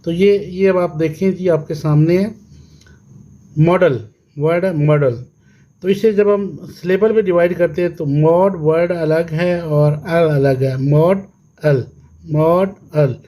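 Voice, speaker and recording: Slow, mellow Pakistani male teacher. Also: on the high side, steady tone, poor audio. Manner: slow, repeats words syllable by syllable and asks then answers himself. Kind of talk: classroom lesson explanation.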